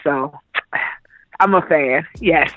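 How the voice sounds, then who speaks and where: A woman co-hosting a casual wrestling chat, talking in an animated, emphatic way. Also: low-pitched, slow pace. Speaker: podcast co-host. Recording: dry, muffled lo-fi with faint music.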